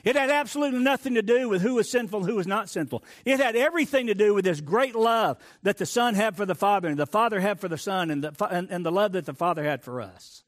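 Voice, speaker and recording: A middle-aged man preaching a sermon in a high voice. He moves between loud, emphatic declarations and soft, hushed asides. He repeats phrases to drive his points home. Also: animated, fast talker, few pauses. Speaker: pastor.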